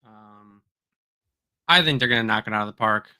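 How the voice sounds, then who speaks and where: A man's voice: fairly low pitch, moderate pace, pushed and bright, smooth, no room sound, clean studio sound. A young man co-hosting a casual livestream podcast, talking hesitantly with many ums and likes. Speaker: podcast co-host. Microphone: streaming mic.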